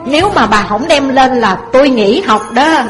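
A spoiled young student making blunt demands, put on by a woman storyteller. The voice sits high and stays bossy throughout. Faint music plays underneath. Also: animated, normal speed. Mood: demanding.

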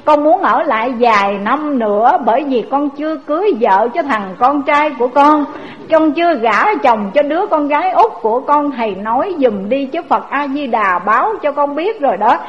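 Old pleading grandmother in a sermon story, voiced by a woman preacher, quiet and high. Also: expressive, normal speed. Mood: tearful begging. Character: elderly woman, devout and pleading. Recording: dull lo-fi recording.

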